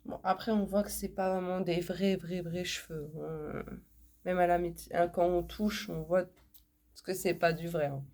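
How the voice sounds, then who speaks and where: A woman's voice: on the low side, steady tone, normal speed, darkish tone. A woman with a cold, speaking nasally through a blocked nose, chatting casually as she shows off items she bought. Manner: chatty, repeats words, many fillers. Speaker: vlogger showing a haul. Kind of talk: casual unboxing chat.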